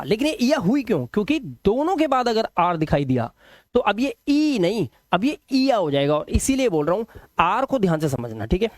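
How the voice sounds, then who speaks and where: A man gives an English phonics lesson, repeating each sample word slowly and patiently. His pitch swings widely as he stresses the vowel sounds, and he often stops to ask whether it is clear. The sound is close and dry, with almost no room echo. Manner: explains patiently, repeats words slowly and asks checking questions. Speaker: English teacher.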